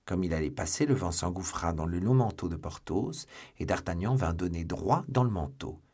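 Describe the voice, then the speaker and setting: A man reading a classic novel aloud as an audiobook narrator, in measured, expressive narration. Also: sits low, slightly rough. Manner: measured and expressive, voicing the characters. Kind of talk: scripted literary narration.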